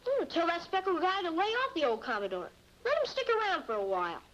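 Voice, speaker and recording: An actor playing an earnest, slangy American schoolboy who leads a kids' gang in a 1950s TV detective drama. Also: male voice, very high voice, sing-song, fairly quick, fairly bright tone, heavily acted. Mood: businesslike. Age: child or young teen. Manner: earnest, slangy, polite boyish. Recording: muffled vintage TV soundtrack, faint noise.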